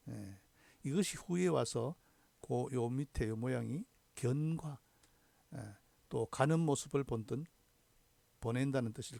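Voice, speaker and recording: Gravelly-voiced man teaching hanja. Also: mid-range voice, a little mellow, no echo. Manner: slow, deliberate, punctuates with frequent affirming "ye". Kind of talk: recorded lecture.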